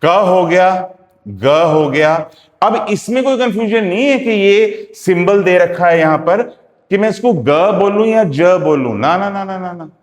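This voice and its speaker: A man teaching phonetics, spelling out sounds slowly and repeating examples. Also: high-pitched, expressive. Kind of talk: classroom lecture. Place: classroom. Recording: echoey classroom with long reverb.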